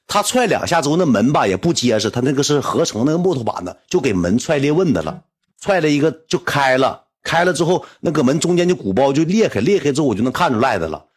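A man with a Northeastern Chinese accent telling a comic personal anecdote in an animated, rambling, indignant way. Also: medium pitch, quick pace, husky. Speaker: storyteller.

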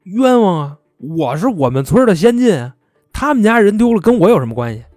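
A man putting on a shrill whiny village rogue. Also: very animated, fairly quick, fairly bright tone, no echo, clean studio sound, soft background music. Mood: indignant. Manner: shrill wailing, playing the victim.

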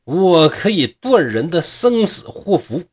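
A man with a Northeastern Mandarin accent voicing a greedy, scheming blind old male monk, making slow, drawn-out demands. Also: sits high, big pitch swings, darkish tone, breathy edge, voice pushed up, full character voice. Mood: demanding.

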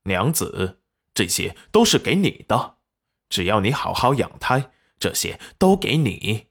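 A man voicing a doting young husband who is patient and coaxing, with a soft, soothing way of talking. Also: on the low side, very animated, takes it slowly, slightly rough, heavily acted.

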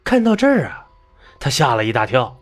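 A man narrating a ghost story in an animated, exclamatory storytelling manner. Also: mid-range voice, brisk, soft background music.

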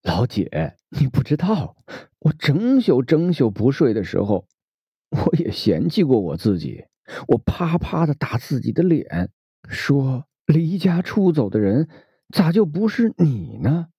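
Guy doing a worn-out heartbroken middle-aged woman, higher voice, pleading, sometimes whispers, slow. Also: very animated, mellow, husky, no room sound, clean studio sound, exaggerated voice. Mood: sad pleading. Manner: pleading, breaks into unvoiced whispers. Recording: dull lo-fi recording.

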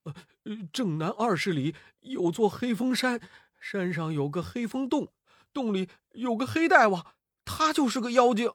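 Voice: mid-range voice, animated, measured pace, fairly bright tone, dry recording, studio quality, voice pushed up. A storyteller voicing a nervous male monk who speaks hesitantly. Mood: uneasy.

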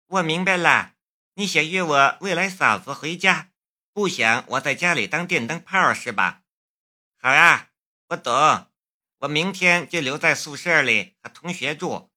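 A man's voice: a little high, animated, measured pace, pushed and bright, heavily acted. A man voicing a playful, teasing young woman, the hero's little sister, in an audiobook. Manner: bubbly, teasing.

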